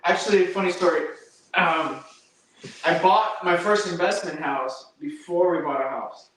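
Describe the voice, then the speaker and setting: Man in his thirties, podcast guest, slightly high voice, laughs a lot, far from mic. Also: a little slow, heavy reverb, slight background noise. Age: 30s. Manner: laughing, animated storytelling. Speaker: podcast guest, real estate investor. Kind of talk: casual interview chat.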